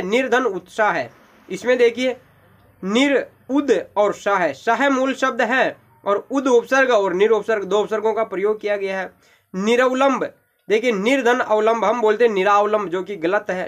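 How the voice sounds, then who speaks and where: High-voiced man teaching grammar patiently. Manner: patient, repeats each example step by step; addresses viewers with "देखिए" and "भाई". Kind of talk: explanatory exam-prep lesson.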